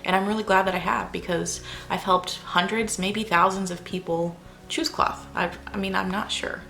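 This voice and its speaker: A woman's voice: medium pitch, steady tone, normal speed, gravelly, a bit bright, faint music behind. A young adult woman vlogging at home late at night, talking in a chatty, rambling way and keeping her voice down while her family sleeps. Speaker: parenting vlogger. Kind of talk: casual talk to camera. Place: house at night, family asleep.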